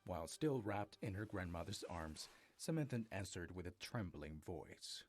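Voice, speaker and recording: A man telling a dramatic family story as narrator, with a steady storytelling delivery. His voice sits on the low side, and his pitch moves in lively arcs to carry the tension. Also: normal speed, faint music behind.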